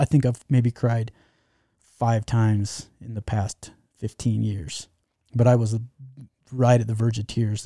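A man tells a long adventure story in a relaxed, rambling way, full of fillers and restarts. His voice is very dark and mellow at an everyday pitch. The sound is dry and close, with no room echo. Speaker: guest telling a travel story. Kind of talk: casual storytelling.

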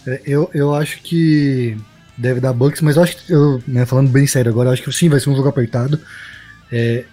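A man's voice: mid-range voice, fairly even intonation, brisk, mellow, soft background music. A Brazilian man talking football casually as a live stream panelist, in a slangy, rambling way.

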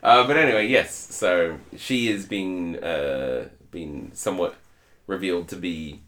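A man co-hosting a podcast, talking in a casual, animated way and laughing often. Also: sits low. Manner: animated, laughs often, puts on quick voices. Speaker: podcast co-host. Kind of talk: casual chat.

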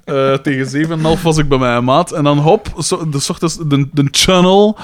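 A man with a Flemish accent, telling a story in casual chat, with many fillers and high-pitched laughs. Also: normal speed.

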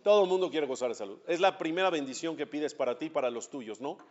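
Here a rabbi talks fast in a slightly mellow voice that's a little high for a man, teaching a religious class. He addresses his students directly in a conversational way, raising questions and answering them on his own, captured on a dull lo-fi recording.

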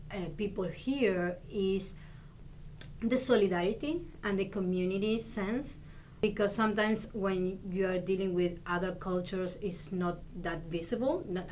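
A woman's voice: mid-range voice, slight background noise. A woman from Argentina, a Spanish lecturer, answering interview questions in a thoughtful way with many restarts and small laughs.

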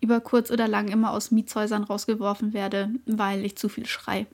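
A woman's voice: mid-range voice, level tone, a little fast, a little mellow. A woman in her twenties co-hosting a podcast in casual chat, talking with many hesitations and laughing easily. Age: 20s. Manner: chatty, hesitant with frequent fillers, laughs easily. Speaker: podcast co-host.

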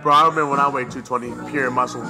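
A man's voice: medium pitch, steady tone, rapid-fire. A man co-hosting a podcast in casual, jokey, boastful banter, peppering his slangy talk with "bro". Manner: slangy, says bro constantly. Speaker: podcast co-host. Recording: music behind the voice. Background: music.

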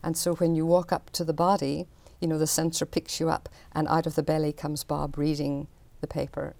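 An older woman from talks through her art in an interview. Her voice sits low and mellow, with a gravelly edge. She explains things in a chatty, unhurried way. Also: level tone, dry recording. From Northern Ireland. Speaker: artist.

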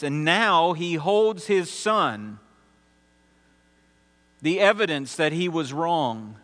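A man preaching a sermon as pastor, measured, with emphatic pauses between phrases. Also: fairly high pitch, fairly bright tone. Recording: long reverb with mains hum.

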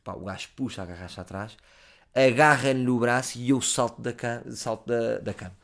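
A man with a European Portuguese accent tells a comic story at a moderate pace. He's animated, his volume swinging between loud and low.

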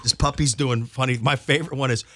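A man hosting a podcast in a joking, excitable casual chat. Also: medium pitch, fast, dry recording. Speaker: podcast host.

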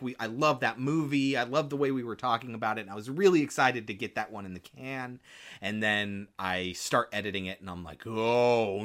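Bright-voiced man, casual podcast host. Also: on the low side. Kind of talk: casual film review chat.

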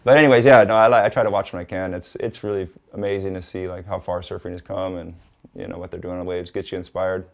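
A man from Hawaii, a guest in a casual interview, talking in a relaxed, rambling way with lots of "like" and "you know.". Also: low-pitched, fast talker, gravelly.

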